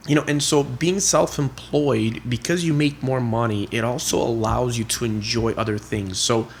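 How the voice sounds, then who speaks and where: A man's voice: mid-range voice, steady tone, moderate pace, slight background noise. A middle-aged man, a guest on a podcast, telling family stories in a chatty way, full of fillers and acted-out quotes. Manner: chatty, heavy on "you know" and "like" fillers; acts out family dialogue in quotes. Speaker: podcast guest, real estate investor. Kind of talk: casual storytelling interview.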